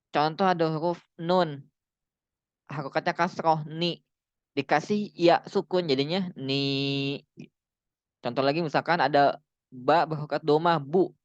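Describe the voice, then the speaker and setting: A man's voice: mid-range voice, no room sound. Guy teaching tajwid, stretches out the examples, dry close mic, kinda lo-fi. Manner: chatty, drawn-out demonstration recitations. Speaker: Quran recitation teacher. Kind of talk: casual online tajwid lesson.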